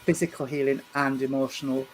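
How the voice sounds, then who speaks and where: A man, working as a medium and giving a spirit reading at a church service. He speaks gently and reassuringly, often stumbling over and repeating his words. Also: mid-range voice, fairly even intonation, a little fast, a little hiss or hum, rough recording. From England. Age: 50s. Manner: hesitant, repeats and restarts words.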